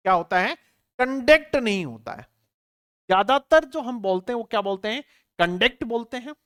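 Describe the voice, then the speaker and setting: A male English teacher leads an online exam-prep lesson. He keeps firing questions at his students and answering them himself. He spells words out slowly, letter by letter, and often checks that everyone has understood. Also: high voice, a bit bright, clean tone.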